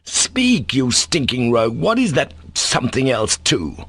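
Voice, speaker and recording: A man doing a furious, shouting young nobleman. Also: medium pitch, big pitch swings, brisk, slightly rough, no room sound. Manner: shouting, peremptory.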